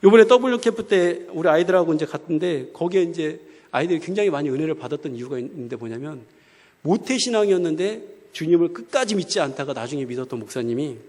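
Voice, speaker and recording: With a slightly high voice, a darkish tone, and a quick pace, a man preaches in a casual, conversational way. He keeps asking the crowd rhetorical questions while the church hall rings with a long echo.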